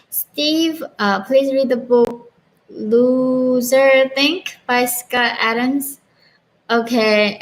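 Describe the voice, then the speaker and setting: In this low-quality recording, a young North Korean woman with a Korean accent and a fairly high voice hosts a channel, casually fielding live chat questions. She sounds earnest, leans heavily on "like" as a filler, and laughs between chat messages.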